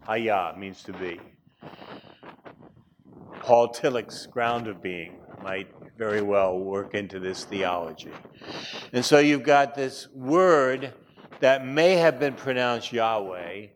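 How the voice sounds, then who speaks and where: A man's voice: lowish voice, slow, a little hiss or hum. Man lecturing with wry asides. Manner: chatty, wry asides, frequent fillers. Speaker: teacher. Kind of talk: classroom lecture.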